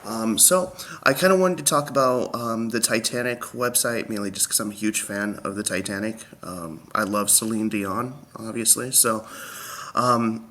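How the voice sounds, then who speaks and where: Young man, wheezy, out of breath, hesitant, lowish voice, bright edge. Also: moderate pace, slight background noise. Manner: hesitant, many ums and you-knows. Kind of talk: casual screen-share walkthrough.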